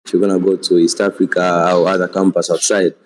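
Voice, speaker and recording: A young man with a Tanzanian accent, a student explaining the application stages, halting and repeating himself. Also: low voice, level tone, a little hiss or hum, rough recording. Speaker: student sharing experience. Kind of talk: seminar talk.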